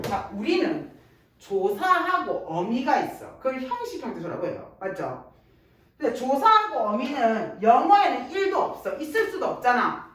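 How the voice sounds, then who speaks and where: A woman with a lilt lectures to a class, her fairly high voice swinging up and down with lively energy as she keeps quizzing her listeners. She is heard from some way off in a strongly echoing room, with faint noise underneath. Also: distant mic. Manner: lively, checks understanding constantly with rhetorical questions. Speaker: Korean language teacher.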